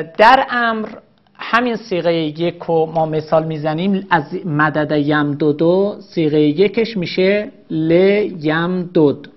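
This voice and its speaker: A woman teaching a recorded grammar lesson, explaining patiently and repeating each example slowly. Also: fairly low pitch, lo-fi sound.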